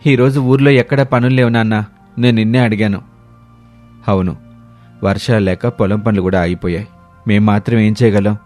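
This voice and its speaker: Give me a man playing sleepy grown sons in a cartoon, loud and grumbling. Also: on the low side, fairly even intonation, brisk, long pauses, faint music behind, natural voice. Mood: whiny. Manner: complaining and loud. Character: lazy young adult sons, sleepy and whiny.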